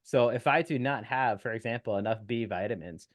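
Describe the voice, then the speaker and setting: On a relaxed, casual podcast interview, a man speaks as a nutrition expert, explaining technical details steadily and briskly with plenty of small fillers. His pitch is ordinary and middle, and the recording is dry and close with no room sound.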